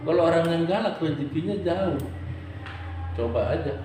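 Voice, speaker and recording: A man preacher giving a religious study lecture, playful and lively, sometimes acting out quarrelsome vendors. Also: fairly high pitch, normal speed, background noise. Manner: lively rising and falling intonation. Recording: very echoey hall.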